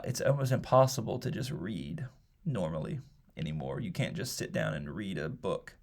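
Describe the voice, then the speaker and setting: Quiet grumbly man with vocal fry. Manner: quiet, talking low to avoid being overheard; rambling, hesitant. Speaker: podcaster. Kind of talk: casual solo monologue. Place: his office.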